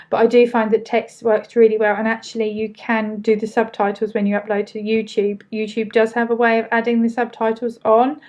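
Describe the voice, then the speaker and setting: Speaking with an Essex accent in a voice on the high side, a woman runs a casual live training. She reads out questions and answers them in a chatty, informal way, pronouncing words loosely.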